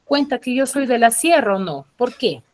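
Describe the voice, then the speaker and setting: A woman teacher from the highlands, giving an online class and checking in with her students through frequent tag questions. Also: very animated, normal speed, darkish tone. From Peruvian highlands.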